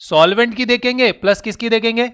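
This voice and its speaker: A man with a high-pitched voice teaching a class. He keeps quizzing his students with short, repeated questions. He nudges them along in a friendly, pressing way until they answer. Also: steady tone, a bit bright, smooth. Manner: drills students with rapid questions; coaxing, calls students "beta". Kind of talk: classroom lecture.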